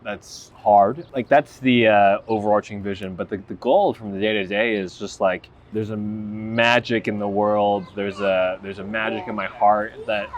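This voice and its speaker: A man's voice: lowish voice, moderate pace, few pauses, lo-fi sound, slight background noise. A young adult man hosting casual interviews outdoors, playful and chatty, who also offers to pray with guests. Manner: playful, animated, prays with guests. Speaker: interviewer and YouTube host. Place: outdoors on a porch.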